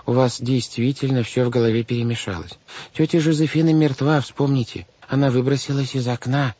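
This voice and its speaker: A man's voice: medium pitch, steady tone, fairly quick, mellow, husky, voice pushed up, close to an everyday voice. A man reading an audiobook, voicing a fussy, well-meaning guardian who frets over the children. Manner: fussy, fretful, raised voice. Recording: dull lo-fi audiobook recording.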